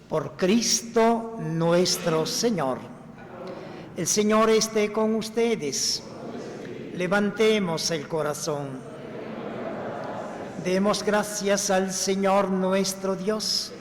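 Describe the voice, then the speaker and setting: Priest, male, high and unhurried, solemn liturgical delivery with cathedral echo. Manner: slow, measured, solemn intoning. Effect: cathedral echo, long church reverb. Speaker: priest celebrating Mass. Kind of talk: liturgical prayer. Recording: long church reverb, faint hiss.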